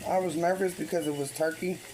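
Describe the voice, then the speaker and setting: A woman's voice: fairly low pitch, fairly even intonation, fairly quick. A woman chatting casually and informally as she cooks at home, with heavy breathing between and under her words. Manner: breathing heavily; informal, off-the-cuff. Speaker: home cook vlogger. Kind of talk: casual cooking chat. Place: home kitchen. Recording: noisy kitchen, sizzling frying pan. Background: food frying and sizzling.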